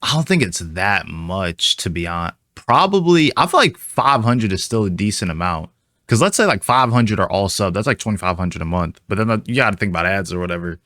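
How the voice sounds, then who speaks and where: A man's voice: low-pitched, lively intonation, a little fast, sharp tone, no room sound, studio quality. A man streaming a casual reaction to a video, thinking aloud in a chatty way with lots of fillers.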